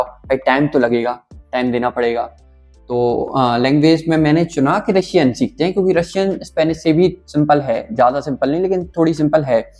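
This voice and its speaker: Relaxed man with an Uttar Pradesh accent. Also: on the high side. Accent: Uttar Pradesh Hindi. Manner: relaxed, thinking aloud with fillers, slowly sounding out words. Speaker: vlogger learning Russian. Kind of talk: casual talk to camera.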